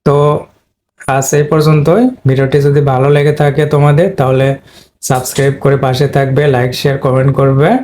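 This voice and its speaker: Man teaching with a flat delivery. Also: medium pitch, a little hiss or hum. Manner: step by step, repeating words slowly. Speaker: English pronunciation teacher. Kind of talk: explaining at a board.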